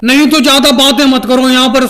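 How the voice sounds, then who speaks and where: A brash street showman with a dancing bear, played by a man hawks to the village crowd in a very high, squeaky cartoon voice. He answers requests with curt, bossy retorts, and the whole figure stays comic and cocky. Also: flat delivery, a little fast. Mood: brusque. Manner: loud hawking calls, brusque retorts.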